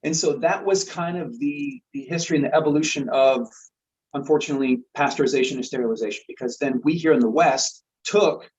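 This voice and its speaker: A man appears as a guest expert, explaining a topic earnestly in a casual chat. He repeats words often and checks in with "right?". His medium-pitched, darkish voice moves fairly quickly, and the lo-fi sound is slightly dull.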